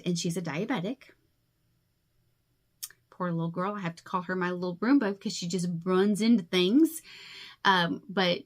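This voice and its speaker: A woman's voice: mid-range voice, a bit bright. A woman in her forties talking casually to camera about her family and pets, chatty and rambling with a self-deprecating humor. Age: 40s. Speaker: crafting vlogger.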